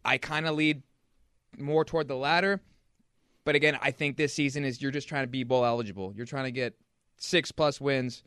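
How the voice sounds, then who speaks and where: A man's voice: medium pitch, steady tone, a bit bright, clear, resonant tone, no echo. Man, sports reporter, frank, casual, dry close sound. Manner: frank, quick, lots of restarts. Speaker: football beat reporter.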